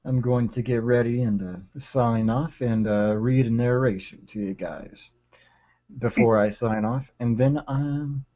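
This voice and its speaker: A man's voice: mid-range voice, a little slow, hardly any pauses. Young man rambling on a lo-fi stream. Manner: rambling, with many fillers and restarts. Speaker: livestream host. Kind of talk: casual chat and dramatic reading. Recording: dull lo-fi stream audio.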